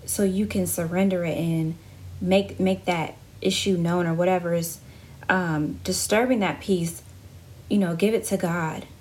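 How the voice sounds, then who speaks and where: A woman's voice: fairly low pitch, fairly even intonation, a little slow, a little mellow, slight background noise. A woman hosting a casual devotional podcast, talking earnestly with many fillers and restarts. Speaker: podcast host.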